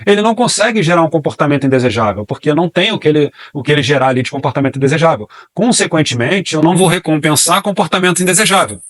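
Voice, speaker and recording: Brazilian male dog trainer, quick and fairly high voice, dry close sound, rhetorical teaching style. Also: animated, no room sound. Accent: Brazilian Portuguese. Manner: explanatory, repeats key phrases, asks and answers own questions. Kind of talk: online training class.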